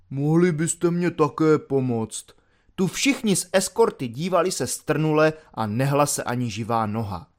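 A man narrates an audiobook, his voice sitting a little high for a man. He tells the story in a dry, matter-of-fact way without hurrying. He reads it straight and plain. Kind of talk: audiobook reading.

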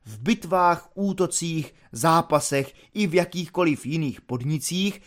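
In an audiobook reading, a man with a slightly high, natural voice plays an earnest, courteous simple soldier. The character explains himself at length, calmly and formally.

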